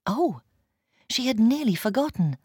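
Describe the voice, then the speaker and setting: A woman narrating a children's storybook in a gentle, deliberate, expressive way. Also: a little high, slightly rough, no room sound, clean studio sound.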